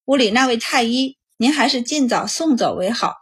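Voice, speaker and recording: Woman voicing elderly female servant, low hushed voice, persuasive, husky, storybook. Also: lively intonation, normal speed. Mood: hushed coaxing. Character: old servant woman of a noble house, smooth-talking.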